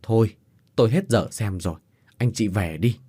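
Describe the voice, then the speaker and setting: A man voicing a brisk, firm village spirit medium giving instructions in a spoken ghost story. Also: lowish voice, dark tone, breathy edge, no room sound, studio quality. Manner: brisk, matter-of-fact instructions.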